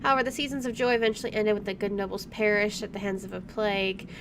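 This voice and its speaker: Playing through a game in a casual video, a woman reads aloud and comments with a chatty, playful tone and dry asides. She talks fast in a steady, mid-range voice, recorded indoors at home where a running air conditioner is clearly audible.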